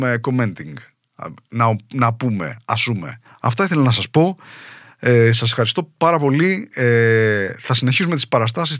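A man's voice: medium pitch, a bit bright, no echo, clean studio sound. A man from Trikala, Greece, a stand-up comedian talking casually and at length to his podcast listeners, rambling and chatty.

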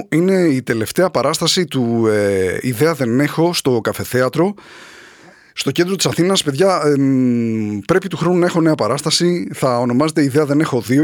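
A male comedian giving a satirical monologue, sarcastic and animated in the jokes and chatty and relaxed when he turns to show announcements. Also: mid-range voice, no room sound, clean studio sound.

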